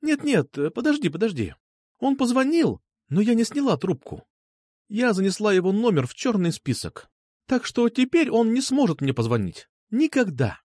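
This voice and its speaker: A playful young woman from an audiobook, teasing and quick to laugh, put on by a male narrator. Her voice sits high and light, swinging widely in pitch. The sound is close and dry. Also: no echo. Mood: earnest. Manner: teasing, lively. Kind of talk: audiobook character voice.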